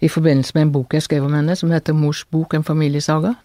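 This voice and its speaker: An older woman, an author being interviewed, telling her family's story in an earnest, halting way with many restarts. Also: low voice, little pitch movement, dark tone, no echo. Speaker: author guest. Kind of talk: reflective interview talk.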